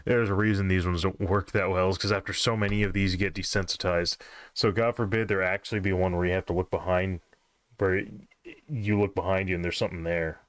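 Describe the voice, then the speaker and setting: A man's voice: low-pitched, fairly even intonation, a little fast, no echo. A man streaming, chatting casually and offhandedly, with lots of fillers and some swearing. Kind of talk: casual chat.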